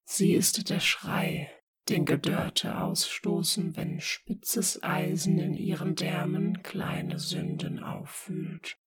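A reader narrating dark poetic passages slowly in a hushed, whispery voice. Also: mid-range voice, gravelly, slightly rough. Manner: slow, hushed and whispery reading. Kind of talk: scripted narration.

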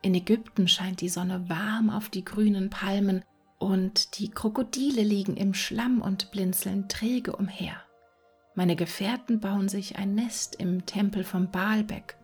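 A woman voicing a kind-hearted little male swallow in a whispered role-play, soft and pleading. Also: mid-range voice, husky.

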